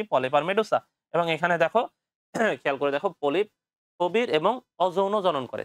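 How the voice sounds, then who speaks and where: A young man teaching an online exam-prep biology lecture, quizzing and answering his own questions in a lively, repetitive way. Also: on the high side, dry recording. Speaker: biology tutor.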